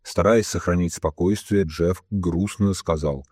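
Deep, husky male audiobook narrator. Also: warm tone, dry recording, studio quality. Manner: reads all characters himself, slowing for solemn quotes. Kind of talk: scripted narration.

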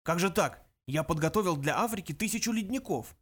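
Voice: medium pitch, expressive, a little fast, voice pushed up, lightly acted. An audiobook reader voicing Slartibartfast, an old man who designs planets, polite but easily aggrieved and theatrical. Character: old male planet designer, fussy artist. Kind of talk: audiobook character reading.

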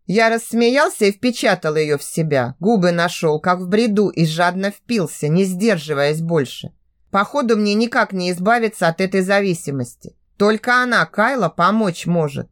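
A woman narrating a first-person audiobook in an expressive, sultry reading style. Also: on the low side, moderate pace.

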